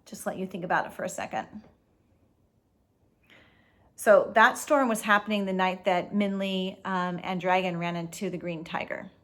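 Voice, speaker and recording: In an expressive, mid-range voice, a woman reads a storybook aloud as host at a normal speed, leaving long pauses. She explains things casually, as if for young listeners.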